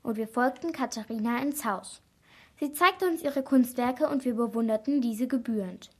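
Woman reading a kids detective story out loud, kinda high voice, lively. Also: moderate pace, breathy edge. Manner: lively, voicing each character in dialogue. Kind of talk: reading a children's crime story aloud.

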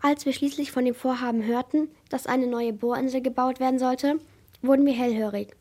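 A woman voicing a quiet, hulking rig worker. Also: high-pitched, fairly even intonation, fairly quick. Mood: shaken. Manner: mumbling, subdued.

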